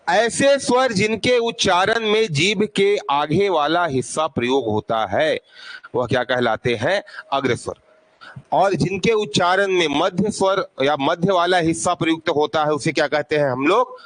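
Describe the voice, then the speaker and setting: A man's voice: sits high, fairly bright tone, no room sound, poor audio. A male teacher giving a classroom lesson, quizzing his students over and over and prompting them to answer aloud.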